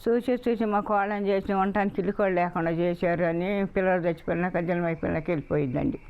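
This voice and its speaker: A grieving woman with a low voice tells a reporter, in plain words, what she lost. The recording is muffled and lo-fi. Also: steady tone, quick pace, clean tone. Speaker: fraud victim. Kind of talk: recounting events to a reporter.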